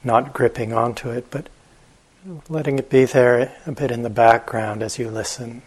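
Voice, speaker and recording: Long pauses mark the gentle, unhurried guidance of this male meditation teacher. He has a husky, mid-range voice and keeps a steady tone.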